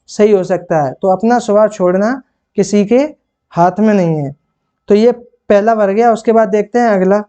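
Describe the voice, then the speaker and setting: A man teaching for a Hindi exam. He asks questions and answers them himself, and repeats and rereads phrases slowly. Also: high voice, dark tone, smooth. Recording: dull lo-fi sound.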